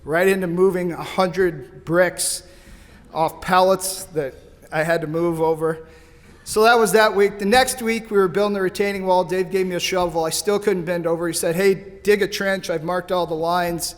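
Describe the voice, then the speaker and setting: A man's voice: high-pitched, steady tone, moderate pace. A man from St. Louis giving a thankful, storytelling hall of fame acceptance speech at a podium microphone in a banquet hall. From St. Louis, USA. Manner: storytelling, thankful, loose and joking. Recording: hall reverb.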